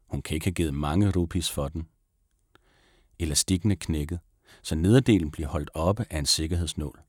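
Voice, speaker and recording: A man narrating a children's audiobook in a calm, measured way. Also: extremely low pitch, dry recording, studio quality. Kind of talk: audiobook reading of a children's book.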